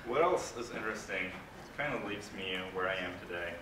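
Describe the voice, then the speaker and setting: A man giving a casual conference talk, halting and hesitant with frequent restarts. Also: on the low side, expressive. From Norway. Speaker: conference speaker, game composer. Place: large conference hall. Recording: echoey hall, distant mic, room noise.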